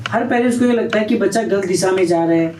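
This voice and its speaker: High-voiced man telling a story. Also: fast, slight background noise. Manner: animated storyteller acting out quoted dialogue. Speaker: interview guest. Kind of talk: storytelling in an interview. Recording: roomy, distant from the mic.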